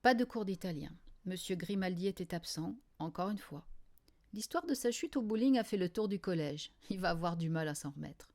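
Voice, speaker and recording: Mellow woman reading an audiobook. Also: fairly low pitch, expressive, brisk. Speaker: audiobook reader. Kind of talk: first-person audiobook narration.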